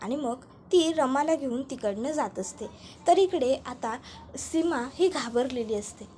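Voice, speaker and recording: A woman narrating a recap of a TV episode in a steady storytelling manner. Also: high voice, unhurried, slight background noise. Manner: steady, connective retelling.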